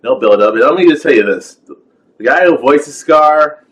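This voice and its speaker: A man's voice: fairly high pitch, animated, normal speed, poor audio. A man giving a rambling, casual rant as a film reviewer, full of fillers and exasperated rhetorical questions.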